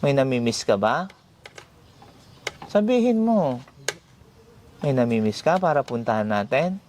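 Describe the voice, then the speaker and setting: A man hosting a vlog, gently asking question after question. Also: medium pitch, expressive, fairly quick. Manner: gentle, repetitive coaxing questions. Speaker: vlogger host. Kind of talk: casual vlog chat, coaxing questions. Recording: noisy background.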